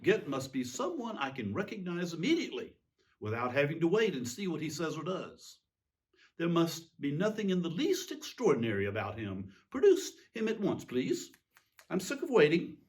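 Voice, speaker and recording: A man playing a petulant, self-justifying tyrant king in a theatrical, pompous, indignant monologue with emphatic pauses. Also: fairly high pitch. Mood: demanding, petulant. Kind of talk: theatrical dramatic monologue reading.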